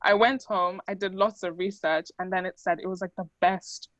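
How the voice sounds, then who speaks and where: A woman's voice: fairly low pitch, steady tone, moderate pace, no room sound, dull audio. A young woman who grew up in the Netherlands and speaks Dutch as her first language, giving a chatty talk to an audience with many fillers. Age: young adult. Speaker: student speaker.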